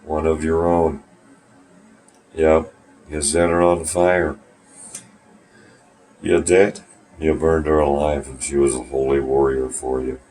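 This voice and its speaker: A bass-voiced vlogger with a darkish tone and little pitch movement talks slowly, pausing often. Filming himself on his phone in a small, warm home bathroom, he rambles casually, swears, and turns sarcastic.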